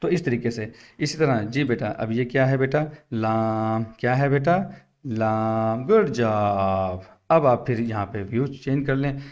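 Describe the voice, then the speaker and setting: A patient male Quran teacher, a native Urdu speaker, explaining letter shapes to other teachers in a middle-pitched voice. He drags out the syllables as he spells. The talk is instructional and steady. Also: normal speed, highs cut off.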